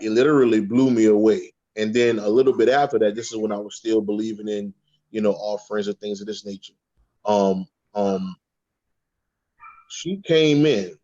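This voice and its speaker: Slow, profane man talking spirituality casually, constant "okay?" check-ins; muffled low-fi audio. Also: mellow. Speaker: guest speaker on a spiritual panel.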